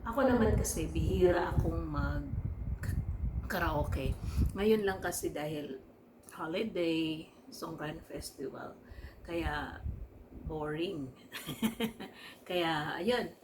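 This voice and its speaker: A woman's voice: low-pitched, takes it slowly, pauses often, noisy background. A woman, chatting and giggling through a casual product review on her vlog. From Philippines. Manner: chatty, giggly, mixes English and Tagalog. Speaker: vlogger.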